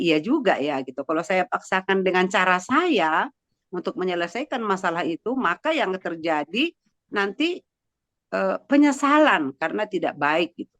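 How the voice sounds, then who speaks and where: A woman's voice: fairly low pitch, a bit bright, no room sound. A woman giving a heartfelt personal faith testimony to a congregation, talking conversationally with many fillers and sounding close to tears. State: emotional, near tears. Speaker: church testimony speaker.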